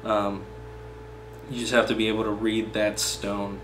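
The voice is a young man's, fairly low in pitch, slow and even as he reads a poem and then shares casual personal remarks. The echoey recording comes from a camera mic a few feet away in a small indoor meeting room where he sits at a table, with faint hum in the background.

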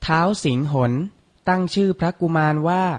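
A man hosting a children's reading lesson. He narrates a storybook tale and drills vocabulary with slow, deliberate, crisp enunciation and old-fashioned courtly politeness. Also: sits high.

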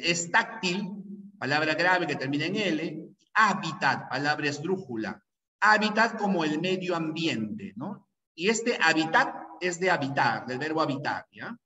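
A Peruvian man with a bright, forceful, higher-pitched voice lectures a pre-university language class, drilling key rules over and over and often asking students whether they follow. The recording is dull and echoey, with the mic placed far away.

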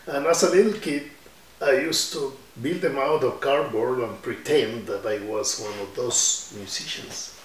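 This Ecuadorian musician, in his 70s, keeps a steady tone in his mid-range voice while slowly telling reflective stories and gesturing with his hands. It's an oral history interview in an indoor room with guitars on the wall; the distant mic gives a roomy sound with slight background noise.

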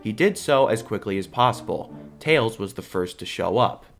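With music playing beneath him, a man narrates a fan audio drama in the third person from a script, also acting as its lead. His voice is lowish and expressive, and his pace is moderate.

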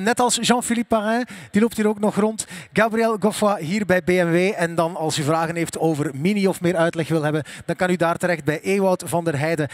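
High-voiced male host. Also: dry recording. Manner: loose, with frequent fillers. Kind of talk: press conference hosting. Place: expo hall.

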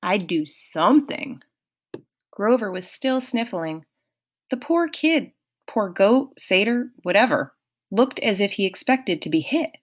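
A woman reading a novel aloud in first person, unhurried and expressive. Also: mid-range voice. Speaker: audiobook reader.

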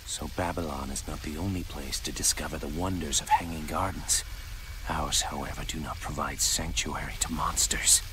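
An actor playing a brooding young warrior prince in a video game, hard-bitten and weary but determined, with terse, formal, theatrical phrasing. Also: male voice, extremely low pitch, fairly even intonation, moderate pace, noisy background. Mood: dry, wary. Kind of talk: dramatic video game cutscene acting. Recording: loud music behind the voice. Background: loud game score.

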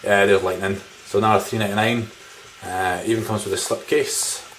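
This is a man in his thirties with a fairly low voice, talking briskly and with fairly even intonation. As a game collector vlogger in a small living room, he gives a rambling, informal, mildly sweary chat to camera about his game pickups. Background noise and room ambience can be heard.

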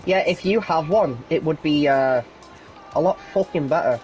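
A young man chatting casually while playing a co-op game, swearing often and calling out quick directions. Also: on the high side, darkish tone, soft background music. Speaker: gamer. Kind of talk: casual gaming chat.

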